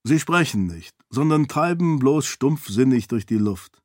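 A man's voice: medium pitch, animated, unhurried, a little mellow, dry recording. A man voicing a big, laconic, wry and guarded man in an audiobook reading, speaking tersely and dryly. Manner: terse, dry.

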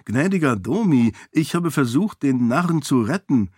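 A man voicing a sharp-witted young royal woman in an audiobook, lifting his voice and talking with quick self-assurance. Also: medium pitch, lively intonation, slightly rough, no room sound, studio quality, pitched above the performer's own voice. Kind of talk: audiobook character voice.

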